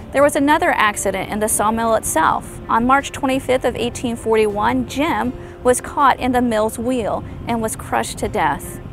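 Slightly gravelly woman giving an outdoor tour. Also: a little high. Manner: clear, measured presenter delivery. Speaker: historical interpreter. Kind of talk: informative video tour narration. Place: outdoors on a lawn by trees. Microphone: clip-on lapel mic.

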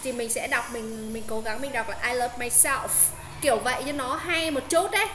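Woman tutor, high voice, chatty explainer on a video call. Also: brisk, fairly bright tone, reverberant. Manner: explanatory, many fillers and repeated checks. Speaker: English pronunciation tutor. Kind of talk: casual online tutoring. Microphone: Zoom call.

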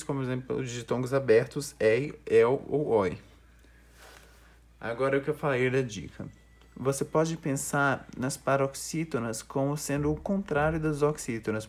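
Young guy teaching a recorded grammar lesson, explains step by step, mid pitch, trips and restarts words now and then.

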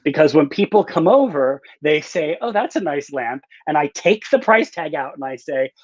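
Speaking in an animated way at a moderate pace, a middle-aged man with a slightly high voice shares personal stories as a guest on a video call. He's a novelist, and his casual storytelling often restarts mid-sentence. He's at home in a room with bookshelves, wearing earbuds with no visible mic; the webcam call audio is slightly dull, with a little hiss or hum.

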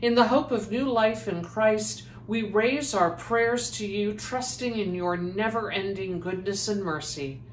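A woman leading the prayers of a church service in a measured, solemn reading voice, heard with a cathedral-like echo. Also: medium pitch. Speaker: lay prayer leader. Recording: echoey church space, faint background noise.

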